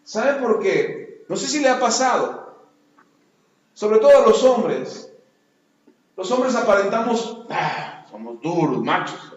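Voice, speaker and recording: A man preaching a sermon as a pastor, swinging from loud emphasis down to soft, low lines. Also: expressive, slow, long pauses. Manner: emphatic preaching, rising loud on key words then dropping low and soft. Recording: echoey, dull lo-fi sound.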